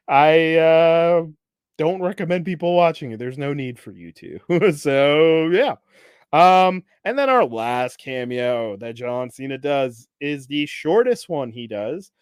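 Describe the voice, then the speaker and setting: On his podcast, a young man gives a casual recap of TV episodes, breaking into laughter often. He acts out the characters' lines in an animated way, jumping in pitch and loudness. The audio is studio quality, with no echo.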